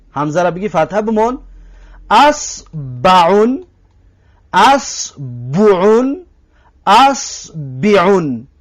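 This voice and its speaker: A man with a Tajik accent teaching an Arabic lesson, who says words again slowly to drill them and keeps asking the listeners whether they follow. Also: high-pitched. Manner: addresses listeners directly, asks if they follow. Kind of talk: recorded language lesson.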